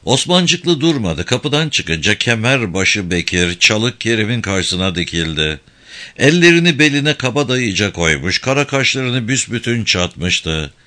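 A man narrating a novel in a steady, measured audiobook reading. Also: fairly low pitch.

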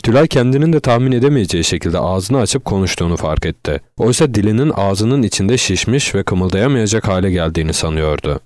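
A man narrating an audiobook in a steady, measured reading voice, close to the microphone. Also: fairly low pitch, no room sound.

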